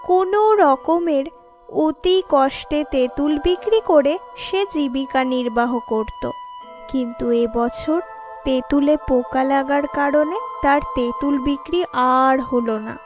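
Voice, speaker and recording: A woman narrating a cartoon fairy tale in a calm, measured way. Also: sits high, music in the background. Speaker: storyteller.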